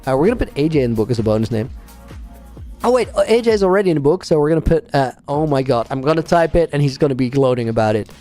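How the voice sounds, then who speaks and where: A man's voice: a little high, animated, rapid-fire, dark tone, soft background music. A man streaming a game, chatting casually with viewers, rambling and laughing often while reading out names. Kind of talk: casual livestream chat while playing a game.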